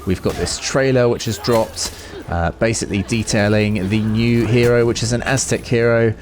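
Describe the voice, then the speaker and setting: On the low side and fairly even in intonation, a man narrates his gaming video at a moderate pace, chatting unscripted and wondering aloud. A little hiss or hum sits under the recording.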